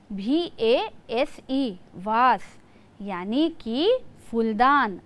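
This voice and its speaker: A woman teacher giving a lesson to young children, spelling words out letter by letter. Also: a little high.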